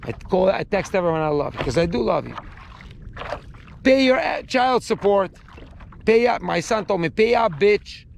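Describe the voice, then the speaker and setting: A man's voice: sits high, lively intonation, moderate pace, creaky, slight background noise. A man vlogging from an outdoor beach club, ranting in a profane, agitated way and mocking the way other people talk. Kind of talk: unscripted rant to camera.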